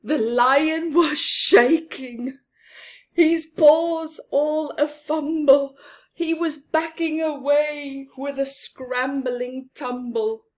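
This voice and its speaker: Lady reading a kids story, really slow and expressive, explains bits as she goes. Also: high voice. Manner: expressive, giggly, explains simply to young children. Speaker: children's story-time reader. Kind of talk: read-aloud storytelling with explanatory asides to children.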